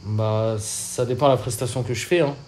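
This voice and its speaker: A man's voice: mid-range voice, normal speed. A young man chatting casually as co-host, rambling and slangy. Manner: relaxed, rambling with fillers and slang. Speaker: podcast co-host. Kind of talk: casual chat. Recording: echoey room, faint ambient noise.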